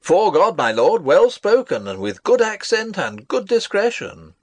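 A man's voice: sits high, big pitch swings, measured pace, no echo, heavily acted. A man playing a fussy, pompous elderly male courtier in a stage play reading.

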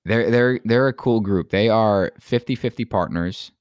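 A male podcast co-host in casual banter, joking and quick to riff on ideas. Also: lowish voice, no echo, clean studio sound.

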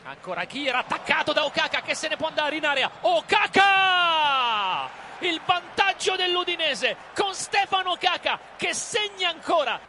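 A man with an Italian accent giving excited, breathless live football goal commentary that bursts into shouts. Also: very high-pitched, moderate pace. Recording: noisy stadium broadcast commentary.

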